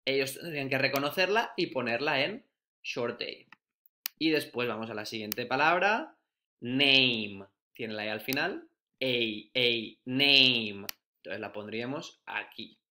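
A male primary school teacher giving a phonics lesson, slowly sounding out and repeating letter sounds. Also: medium pitch, bright, forceful tone, a little hiss or hum.

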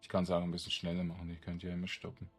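Racing along in a low, monotone, breathy voice, a gaming streamer talks casually to himself and his audience and reads out in-game text. Soft music plays in the background.

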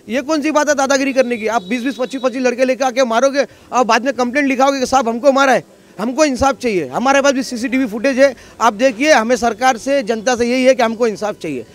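A local man in a street interview, talking insistently and with grievance. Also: very high voice. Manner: aggrieved, insistent. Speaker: local resident.

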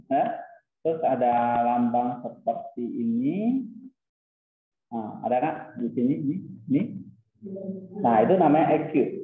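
A man teaching a lesson in a casual way, explaining step by step and dropping in English terms. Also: medium pitch. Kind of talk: casual classroom lecture. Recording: tinny phone-like, roomy echo.

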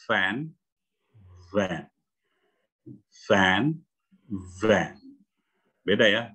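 A man from Indonesia teaching English phonics in an online class, repeating example words and confirming each point with a quick "ya". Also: fairly low pitch, fairly bright tone, breathy edge. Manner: repetitive, affirming with "ya", demonstrates sounds. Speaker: English coach. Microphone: video call.

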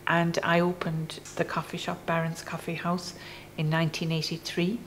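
A woman's voice: fairly low pitch, flat delivery, moderate pace, slight background noise. An older woman with an Irish accent, a bakery owner explaining her trade plainly in a documentary interview, with some fillers. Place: café interior.

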